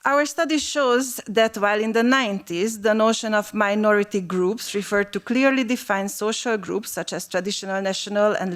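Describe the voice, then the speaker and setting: A woman, originally from Romania, delivers a prepared speech to a panel. Her pitch sits at an ordinary middle height, and she reads in a steady, measured and formal manner. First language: Hungarian. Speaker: panel speaker.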